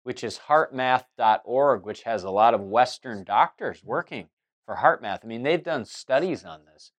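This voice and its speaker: Man, host, casual monologue, rambling, restarts sentences, ordinary middle pitch. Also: animated, moderate pace. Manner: rambling, many restarts and fillers. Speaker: spiritual talk host.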